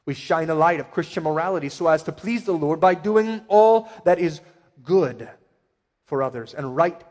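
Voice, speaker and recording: A man's voice: on the high side, moderate pace. Emphatic preaching man in a reverberant hall. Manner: emphatic preaching, rising and dropping to quiet asides. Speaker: pastor. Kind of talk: sermon.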